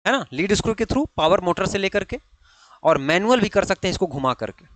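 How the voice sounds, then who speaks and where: A man's voice: high voice, sing-song, a little fast, fairly bright tone, a little hiss or hum. A man teaching an exam-prep class on machine parts, posing questions and answering them himself, often repeating key terms. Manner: frequent checking tags, repeats key terms. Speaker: ITI fitter exam teacher. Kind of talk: online classroom lecture.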